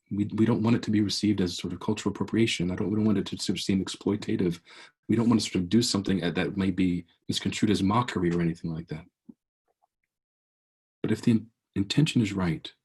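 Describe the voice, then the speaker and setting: A man in his forties speaks in a low, slightly husky voice, delivering a heartfelt motivational keynote. He talks with a preacher's earnest cadence and often restarts his phrases. He is heard over a video call. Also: darkish tone.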